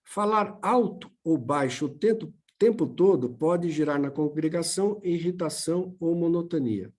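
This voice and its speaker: Brazilian male teacher, high-pitched, calm classroom delivery to a church group. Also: normal speed. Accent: Brazilian Portuguese. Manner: plain, patient teaching with filler "né?". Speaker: homiletics teacher. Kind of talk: church seminar lecture.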